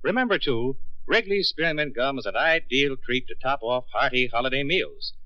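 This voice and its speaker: A man's voice: mid-range voice, expressive, moderate pace, no echo. A man reading ads and credits as an old radio announcer, in a polished, upbeat sales delivery. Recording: dull vintage radio broadcast, music behind.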